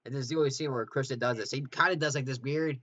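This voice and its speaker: Racing through his words in a mid-range, fairly bright voice, a man offers casual director's commentary on his own film. He rambles, self-corrects, and chuckles at his own asides. A faint hiss runs through the dull, lo-fi audio.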